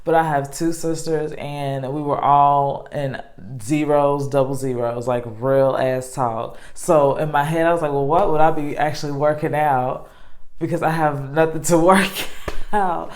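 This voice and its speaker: Young woman vlogger, low pitch, chatty and rambling, lots of fillers. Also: steady tone, a little slow, darkish tone. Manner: rambling, filler-heavy, self-interrupting. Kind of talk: casual chat to camera.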